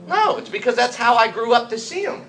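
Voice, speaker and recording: An American man with a high, bright, forceful voice delivers a motivational business training talk. He fires rhetorical questions and jokey asides at the room. The sound is roomy, with a faint hiss underneath. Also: sing-song, a little fast. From United States. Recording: echoey room, faint background noise.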